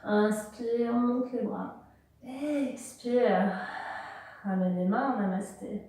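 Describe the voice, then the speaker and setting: A woman teaching a yoga and movement class, giving slow, calm cues to breathe in and out. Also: fairly high pitch. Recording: very echoey room, far from the mic.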